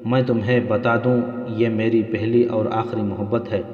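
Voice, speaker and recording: A man's voice: on the low side, flat delivery, lightly acted. A man reading the lines of an impassioned young female spy torn between love and duty, in a dull, roomy recording. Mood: pleading. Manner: pleading, impassioned.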